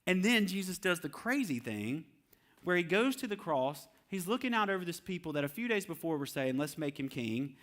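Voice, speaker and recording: A male pastor preaching a live sermon in a conversational, emphatic, animated way at a church service. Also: high-pitched, fairly quick.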